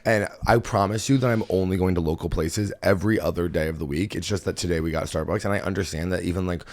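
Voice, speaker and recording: A man with a somewhat low voice hosts a comedy podcast in easy, casual chat. He rambles through stories, mocks himself, and laughs a lot as he goes. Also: steady tone, fast, darkish tone. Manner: rambling, self-mocking, laughs often.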